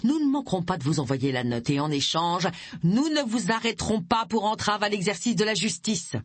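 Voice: mid-range voice, sing-song, fairly quick, no echo. A narrator voicing a stern male police inspector who gives curt, commanding orders. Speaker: detective chief inspector.

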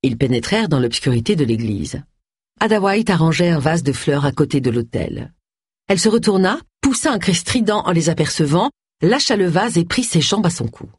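Husky woman narrating an audiobook. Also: low-pitched, brisk, no room sound, clean studio sound. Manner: expressive reading, voices each character. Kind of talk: scripted narration.

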